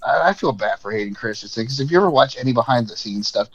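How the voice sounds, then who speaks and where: A man's voice: mid-range voice, animated, fast, dull audio. A man in casual podcast chat, rambling along, swearing freely and laughing often. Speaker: podcast co-host.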